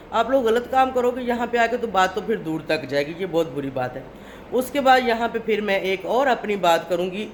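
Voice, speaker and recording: A woman's voice: medium pitch, a little hiss or hum. A woman from Pakistan, a family vlogger, speaking straight to camera in an indignant, lecturing way and often tagging her points with "okay?". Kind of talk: to-camera vlog monologue.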